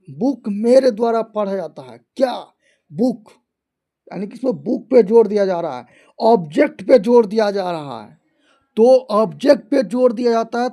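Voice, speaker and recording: Slow, patient male grammar teacher. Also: sits high, warm tone. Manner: repeats each point several times and spells out example sentences slowly. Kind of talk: explanatory online lesson.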